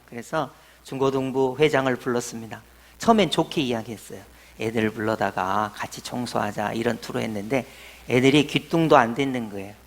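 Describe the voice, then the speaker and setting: A middle-aged pastor preaching a sermon, telling stories and swinging between loud emphatic lines and quiet asides. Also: male voice, mid-range voice, vocal fry. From Jeolla, South Korea. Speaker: senior pastor.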